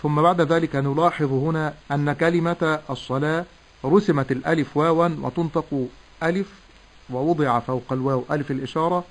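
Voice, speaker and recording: A man teaching Quran recitation, slowly sounding out each syllable to demonstrate correct pronunciation. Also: fairly high pitch, fairly even intonation, poor audio. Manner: slow, deliberate syllable-by-syllable demonstration. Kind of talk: tajweed lesson.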